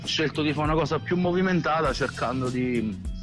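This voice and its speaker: A man's voice: on the high side, lively intonation, moderate pace, music in the background. A man from Abruzzo calling in to a radio show on speakerphone, chatting in an easygoing, rambling way with lots of fillers. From Abruzzo, Italy. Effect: heard over a speakerphone call. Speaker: phone-in guest rapper. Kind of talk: casual radio chat.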